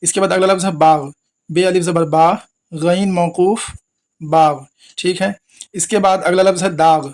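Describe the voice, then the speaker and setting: A man's voice: sits high, fairly even intonation, normal speed. A man teaching Urdu spelling who spells each word out letter by letter, asks his viewers questions and repeats every word.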